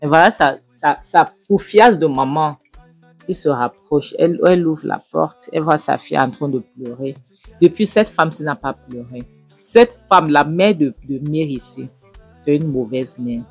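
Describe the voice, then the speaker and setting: A woman's voice: sits low, moderate pace, slightly rough, dry recording. Woman recapping a movie, emotional asides, dry close sound over faint music. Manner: emotional, exclaiming, drops softer when moved. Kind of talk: casual retelling of a film scene with commentary.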